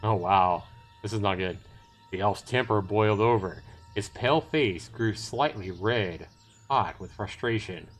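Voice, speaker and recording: Speaking a little slowly in a lowish voice, a middle-aged man reads a visual novel aloud on a casual livestream and adds commentary as he goes. He is a game streamer using a voice chat microphone, with soft music in the background.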